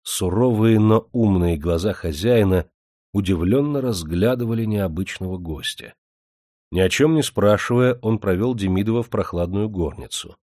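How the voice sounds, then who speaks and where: A man with a low voice narrates an audiobook in an even, storytelling manner. The recording is dry and close, with no room sound. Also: moderate pace, dry recording.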